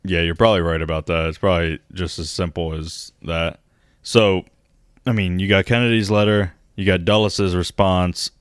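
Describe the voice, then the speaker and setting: A man's voice: low-pitched, fairly even intonation, moderate pace, smooth, dry recording, clean studio sound. A man co-hosting a casual podcast who swears freely, laughs often and acts out quotes in mock voices. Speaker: podcast co-host. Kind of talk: casual conspiracy podcast chat.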